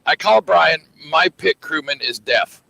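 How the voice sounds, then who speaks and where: A man's voice: fairly high pitch, moderate pace, gravelly, no echo, low-quality recording. A man hosting a casual racing chat, telling stories and acting out quoted lines. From western United States. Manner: animated storyteller, acts out quotes. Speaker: host.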